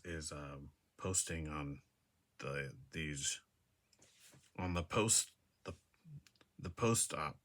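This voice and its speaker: A man with a very low but bright, edgy voice talks slowly to his device's camera from a room indoors. He rambles, hesitates and restarts with plenty of fillers. He often laughs at himself as he goes. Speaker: vlogger. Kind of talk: casual monologue to camera. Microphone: device camera mic.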